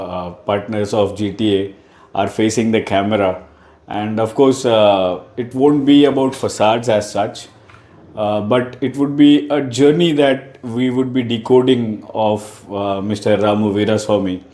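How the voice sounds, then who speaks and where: A man with an Indian English accent hosting a conversational interview in a halting way, often repeating phrases. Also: lowish voice, a little mellow. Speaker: podcast host. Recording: roomy, echoing voice.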